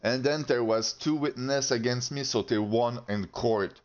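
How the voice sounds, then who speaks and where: Brief: a man ranting to camera, fired up and foul-mouthed, stumbling over his words, mid-pitched, recorded on slightly muffled audio. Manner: heated, profane, halting with restarts. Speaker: channel host. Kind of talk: casual rant to camera.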